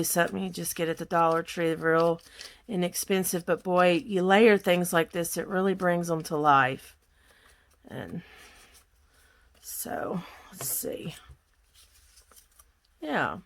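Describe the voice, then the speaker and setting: Folksy Southern woman chatting while crafting. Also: lowish voice. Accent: Southern US, Kentucky. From Kentucky, USA. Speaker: craft vlogger. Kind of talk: casual crafting tutorial chat. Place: at home craft table.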